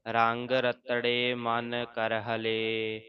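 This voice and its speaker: A man reading scripture aloud line by line in a slow, even, chant-like recitation. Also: mid-range voice. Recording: dull lo-fi audio.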